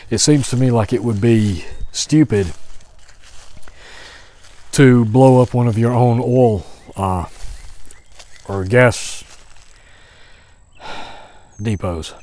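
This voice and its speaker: A man in his forties walking outdoors through woods, thinking out loud in a hesitant commentary with many restarts, recorded on a phone held at arm's length. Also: mid-range voice, dry recording. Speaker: vlogger. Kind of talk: walk-and-talk commentary.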